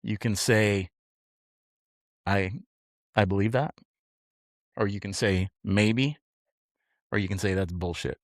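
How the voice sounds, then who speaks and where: A man co-hosting a podcast from a small office, blunt and teasing as he runs a quick question game. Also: lowish voice, steady tone, no echo, studio quality. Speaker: podcast co-host running a game. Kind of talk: casual podcast banter.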